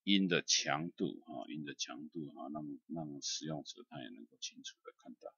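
Man, software tutorial, extremely low voice, dull dry recording. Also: animated, normal speed, vocal fry, breathy edge, no echo. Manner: loose, chatty, many "ah" and "hao" fillers. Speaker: music software instructor.

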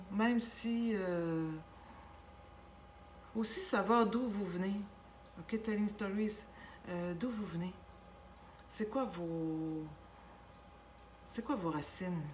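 A woman with a Québécois accent giving a casual tarot reading, gentle and reassuring, with many fillers and restarts. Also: mid-range voice. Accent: Québécois French. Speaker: tarot reader. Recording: echoey room with faint background noise.

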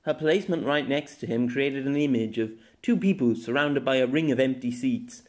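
A man reads his own fantasy novella aloud as an amateur audiobook, telling the story expressively. His voice is medium in pitch and moves at a moderate pace.

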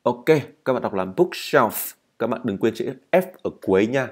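A Vietnamese man with a Vietnamese accent teaching an English speaking lesson, explaining slowly and repeating words to model their pronunciation. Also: medium pitch, a little mellow, slightly rough.

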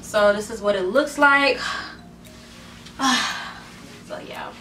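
A young woman with a bright, tense voice chats casually as she tries on clothes, dropping fillers and "y'all" as she goes. She is tired and out of breath. She sits back from the mic in her bedroom, which sounds roomy, with faint music underneath. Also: mid-range voice, takes it slowly, distant mic. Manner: chatty, many fillers, says "y'all". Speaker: vlogger. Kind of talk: casual try-on haul chat.

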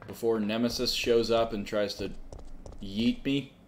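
Slow-talking joking male streamer. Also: medium pitch, fairly even intonation, slight background noise. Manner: joking, wry asides. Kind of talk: live gameplay commentary. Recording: streamer mic with game music behind.

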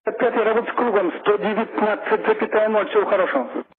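A man working as a tower controller, heard over an aviation radio channel, giving clearances in clipped radio phraseology. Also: high-pitched, quick pace. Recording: tinny radio band with faint hiss.

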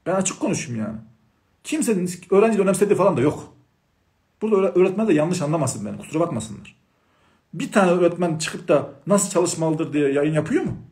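An impassioned male math teacher addresses his students directly and repeats warnings over and over. His voice sits high and leaps around in pitch, so every sentence sounds animated and insistent. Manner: emphatic, scolding, repeats points insistently. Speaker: math teacher for exam prep. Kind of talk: passionate lecture-style talk to students.

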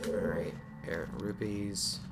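A woman's voice: rumbling low, steady tone, slow. A woman playing a video game, thinking aloud and muttering to herself, with sudden exasperated outbursts. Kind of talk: let's-play commentary. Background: game music.

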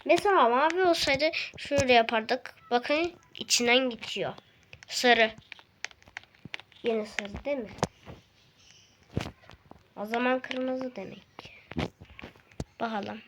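An excitable woman narrates her video game as she plays, with a voice pitched a little high. She chats directly to her audience and lowers her voice now and then. Faint background noise runs under the recording. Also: takes it slowly, pauses often. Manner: chatty, excitable, addresses viewers directly; drops to a hushed voice at times. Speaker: gaming video creator. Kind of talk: casual gameplay commentary.

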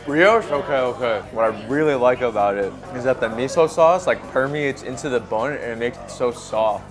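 A man's voice: medium pitch, normal speed, over music. Laid-back young man vlogging food. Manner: joking, laid-back commentary. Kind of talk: casual vlog chat. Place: outdoors on a city street, then inside a busy small restaurant. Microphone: small clip-on mic on shirt.

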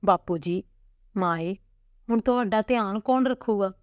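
A woman's voice: mid-range voice, unhurried, no echo, natural voice. A woman voicing a tender young daughter about to be married, speaking in a pleading way, in a storybook reading.

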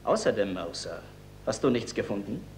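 A man's voice: lowish voice, very animated, moderate pace. A stern, mocking king. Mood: interrogating. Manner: commanding, sarcastic. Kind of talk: 1970s film acting. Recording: echoey old film soundtrack, faint hiss.

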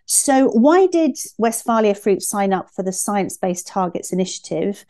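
A woman's voice: medium pitch, expressive, measured pace, warm tone. A woman hosting a podcast interview, asking questions in a chatty, engaged way. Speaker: podcast host.

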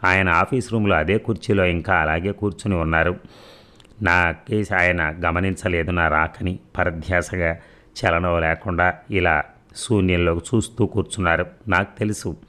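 Deep-voiced man reading a story aloud. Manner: steady, measured storytelling. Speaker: story reader.

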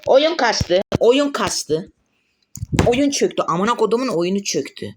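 A man giving live gameplay commentary as a mobile game streamer, excitable and swearing often when frustrated. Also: sits high, measured pace, a little hiss or hum.

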